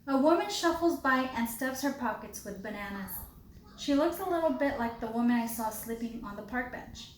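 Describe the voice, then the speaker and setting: A woman, a teacher, reading a children's picture book aloud in a clear, expressive storytelling voice. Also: fairly high pitch, normal speed. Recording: roomy with faint background hiss.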